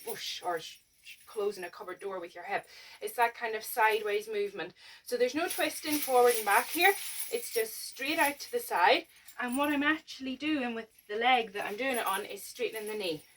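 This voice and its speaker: A woman's voice: fairly high pitch, far from the mic, poor audio. A woman teaching a dance lesson step by step, chatty and encouraging, a little out of breath. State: slightly out of breath.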